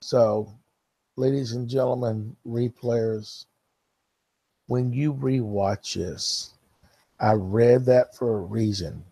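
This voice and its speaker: A man's voice: mid-range voice, slow pace, pauses often, mellow, slightly rough, no room sound. A man hosting a casual live stream, talking straight to the viewers who watch the replay and reading chat comments aloud to them. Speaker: livestream host.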